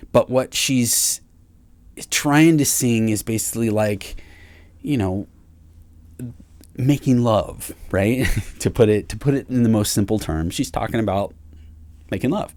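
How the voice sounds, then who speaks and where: A man who works as a recording engineer, casually telling a story with lots of halting restarts and self-deprecating asides. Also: mid-range voice, darkish tone, no room sound.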